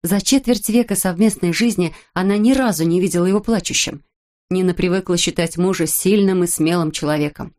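A woman narrating an audiobook in a measured, even reading voice. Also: fairly low pitch.

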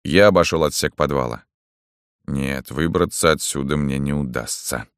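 Very deep-voiced male audiobook narrator. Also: moderate pace, a bit bright, smooth, dry recording, clean studio sound. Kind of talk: first-person novel narration.

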